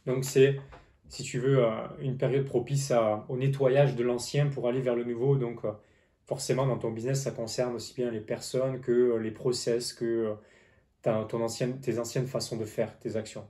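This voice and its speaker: Speaking straight to the viewer, this male tarot reader offers a casual forecast in a hesitant, repetitive way, lisping slightly on s sounds. His mid-range voice is dark in tone, with little pitch movement and a moderate pace.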